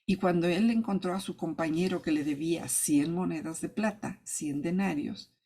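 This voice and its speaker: A woman's voice: lowish voice, moderate pace, breathy edge. A woman, a Sunday school teacher telling a Bible parable to children and acting out the characters' voices. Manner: animated, acts out the characters' pleas and commands. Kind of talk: storytelling Bible lesson for children.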